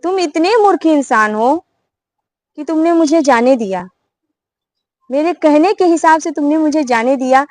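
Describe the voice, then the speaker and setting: A woman's voice: sits high, expressive, a little slow, long pauses, a little mellow, no echo, voice pushed up, low-quality recording. A woman voicing a clever old bird that mocks and lectures a hunter, in a preachy, scolding tone. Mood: mocking. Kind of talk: storytelling.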